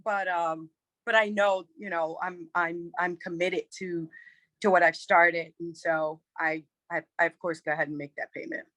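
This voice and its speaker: A woman's voice: on the low side, fairly even intonation, moderate pace, fairly bright tone, dry recording, rough recording. A woman sharing personal experience casually in a group call, in a conversational way. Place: online group meeting call.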